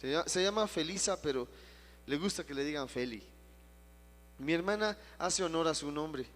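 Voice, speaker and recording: Pastor teaching in a reverberant hall. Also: male voice, a little high, normal speed. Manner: animated storytelling with emphatic repetition. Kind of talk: Bible study teaching. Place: church auditorium.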